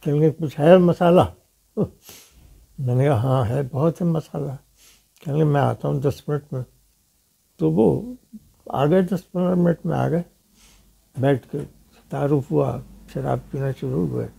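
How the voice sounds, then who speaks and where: Older male storyteller from Pakistan, gravelly, dark and mellow tone, slightly higher pitch, acts out quoted lines. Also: long pauses. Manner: recounts stories, acting out others' quoted words. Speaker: interviewee, detective novelist. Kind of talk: anecdotal storytelling.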